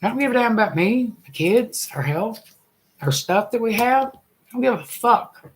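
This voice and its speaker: A woman's voice: fairly high pitch, expressive, moderate pace. A woman, a single mother venting in a blunt, emotional rant full of swearing and bitter laughs. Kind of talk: angry personal rant.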